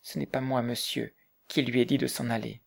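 A man's voice: mid-range voice, flat delivery, normal speed, vocal fry. Man voicing a weary, grieving young mother. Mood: troubled. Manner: soft, subdued, hushed. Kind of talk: audiobook character reading.

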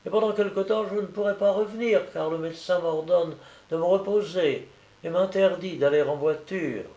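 A man reading a gentle young pregnant woman's lines in an audiobook, speaking softly and soothingly. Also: high-pitched, normal speed, reverberant, pitched above the performer's own voice, lightly acted. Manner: soft, soothing, comforting.

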